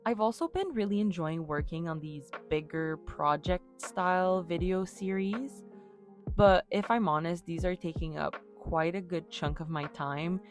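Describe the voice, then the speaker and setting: Soft background music plays under a lowish, expressive female voice that takes its time. The speaker, a young woman with French as her first language, narrates her game build on YouTube in a relaxed, upbeat and self-deprecating way.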